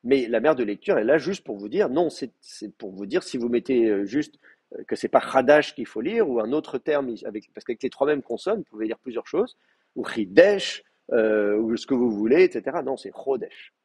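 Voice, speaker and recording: Man, teacher, husky voice, patient explaining, lots of hesitations, live class. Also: mid-range voice, lively intonation, moderate pace, darkish tone. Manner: explains patiently, many fillers, checks with students.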